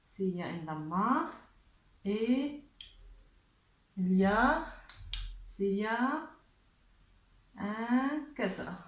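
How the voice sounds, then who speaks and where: Slow, patient woman teaching a lesson. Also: mid-range voice, echoey room. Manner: patient, encouraging, repeats sounds slowly for learners. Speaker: Arabic teacher. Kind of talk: beginner language lesson.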